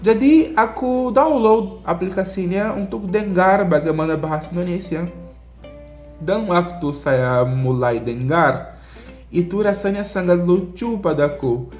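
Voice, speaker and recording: A man's voice: sits high, expressive, unhurried, a little mellow, soft background music. A young man from Brazil with a Brazilian Portuguese accent tells a casual story as a vlog host, speaking as a foreigner in a learned second language with simple, repetitive phrasing. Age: young adult.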